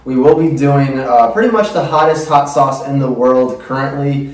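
Young guy hosting, chatty, normal pitch, super roomy sound. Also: normal speed. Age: young adult. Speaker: host of a spicy food challenge show. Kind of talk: casual on-camera presenting. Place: small indoor room, seated at table. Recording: echoey room, distant microphone.

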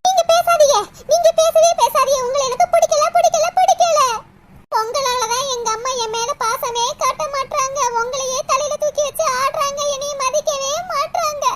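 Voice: very high-pitched, level tone, moderate pace, hardly any pauses. A voice actor playing a sly, whiny young sister-in-law in a cartoon. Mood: whining. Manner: whiny, pleading. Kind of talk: cartoon dub acting. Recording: loud background noise.

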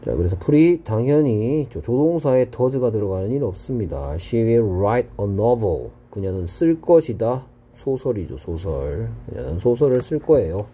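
Man, English teacher, very dark mellow voice, husky, lively pitch, exam-prep lesson. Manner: explains grammar step by step, reads English examples slowly.

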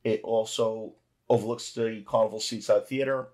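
A middle-aged man giving a relaxed, conversational voice-over narration for a cruise ship tour vlog. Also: on the low side, normal speed. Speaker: travel vlogger.

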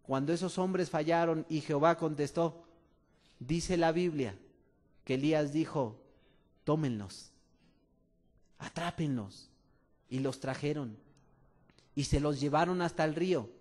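A man with a Mexican accent preaching a sermon with passion, moving between quiet asides and loud, urgent appeals to his listeners. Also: a little high, normal speed. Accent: Mexican Spanish. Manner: impassioned, swings from soft asides to shouting; addresses listeners as "amado".

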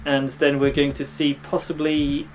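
Jokey higher-pitched man doing game commentary. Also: a little slow, slight background noise. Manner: animated, jokey, talks to game characters. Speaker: gaming video host. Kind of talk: casual playthrough commentary. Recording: game music behind voice.

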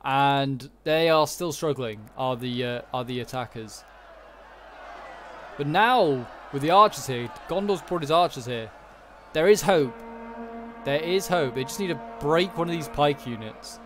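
With a mid-range, somewhat bright voice, a gaming commentator gives animated yet unhurried casual commentary on a strategy game battle, thinking aloud as he watches. Noticeable game ambience from the battle sits behind him.

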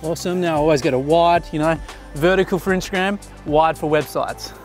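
Out on a beach jetty, a man in his thirties with a fairly high voice talks fairly quickly over soft background music. As a photographer, he gives a model directions and casually describes his shots behind the scenes.

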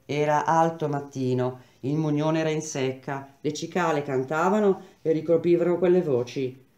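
A woman reading a novel aloud in a steady, measured storytelling voice. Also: sits low, muffled recording. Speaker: reader. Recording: roomy echo.

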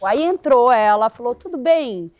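A woman's voice: fairly high pitch, lively intonation, measured pace, darkish tone, muffled recording. A Brazilian woman, a guest on a talk show, telling a funny personal story. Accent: Brazilian Portuguese.

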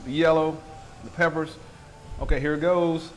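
A man's voice: on the high side, fairly even intonation, normal speed, slight background noise, rough recording. A man hosting a local TV food segment, tasting dishes at a restaurant table and gushing over them in casual, enthusiastic chat. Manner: effusive, enthusiastic, chatty. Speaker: TV food show host.

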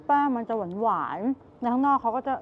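This travel vlogger is a woman in her thirties whose voice sits on the high side, with fairly even intonation at normal speed. She chats to viewers, tasting snacks and commenting as she browses a market for a casual food vlog. The handheld camera, held outdoors at arm's length, yields muffled audio with street noise.

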